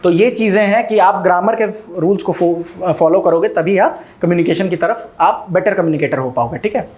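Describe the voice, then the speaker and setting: A man's voice: high voice, fairly quick, darkish tone. An Indian man teaching a recorded video lesson, mixing Hindi with English and often checking in with "ठीक है?". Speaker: coaching teacher.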